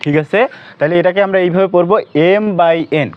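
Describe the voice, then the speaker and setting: A man's voice: high-pitched, brisk, clean tone. A man teaching a step-by-step matrix lesson, patiently asking questions and answering them himself. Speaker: math tutor. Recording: dull lo-fi recording.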